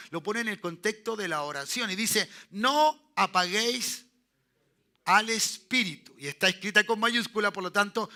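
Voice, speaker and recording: A Chilean man, a church pastor, preaches a sermon, checking in with his congregation through short tag questions. He often repeats and restarts phrases, rising into loud bursts of praise, and his voice sits high.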